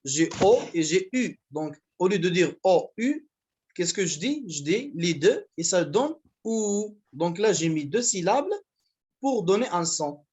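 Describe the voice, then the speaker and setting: A man with a Moroccan accent teaching a university French class over a video call. He explains slowly, stretching out example words and slipping into Moroccan Arabic. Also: sits high, sing-song, darkish tone, husky. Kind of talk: online class lecture.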